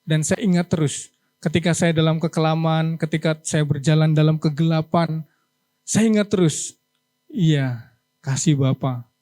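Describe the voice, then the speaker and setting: A man's voice: fairly high pitch, unhurried, warm tone, no echo. A man from Java preaching a heartfelt testimony in church, earnest and emotional, often acting out family conversations. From Java, Indonesia. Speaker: pastor. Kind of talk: sermon testimony.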